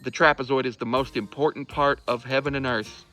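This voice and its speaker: A man's voice: medium pitch, fairly even intonation, fairly quick, sharp tone, faint music behind, low-quality recording. A man delivering an emphatic monologue of absurd claims in an insistent way.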